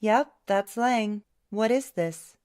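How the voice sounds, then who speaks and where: A woman's voice: mid-range voice, slow, a little mellow, no echo, studio quality, natural voice. A woman reading an audiobook, voicing a tired, blunt young woman who plays in an orchestra. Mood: flat.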